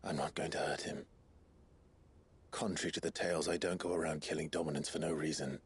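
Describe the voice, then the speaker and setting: A man playing a grave, compassionate warrior in a video game drama, speaking in a slow, measured, gentle and hushed way. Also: rumbling low, steady tone, slightly rough, exaggerated voice. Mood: grave, reassuring. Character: grave, compassionate male warrior easing a frightened child's burden.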